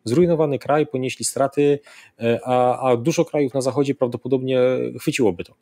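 A man speaking as a guest military analyst, giving measured expert commentary and often pausing with filler sounds. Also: mid-range voice, fairly even intonation, a little mellow, no room sound, studio quality.

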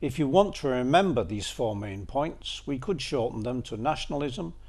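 Delivering an illustrated lecture full of dry, wry remarks, this older man speaks at a normal speed with medium pitch, a darkish tone, and lively intonation. He is shown on camera for a moment, then heard only in voice-over.

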